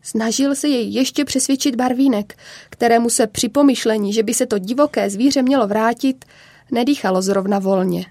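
A woman narrating a children's story in a calm, measured way. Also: fairly high pitch, no room sound.

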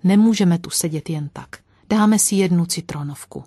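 A woman's voice: on the low side, mellow, husky, no echo, clean studio sound. A woman voicing a stern, thrifty village mother in an audiobook, with a prim, scolding manner. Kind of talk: audiobook storytelling.

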